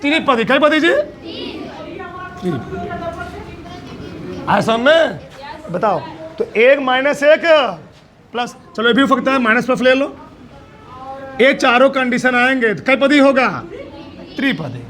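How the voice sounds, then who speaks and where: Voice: high voice, animated, unhurried, pauses often, a bit bright, a faint crowd. A teacher giving a classroom maths lesson, asking the students question after question in a coaxing, teasing way.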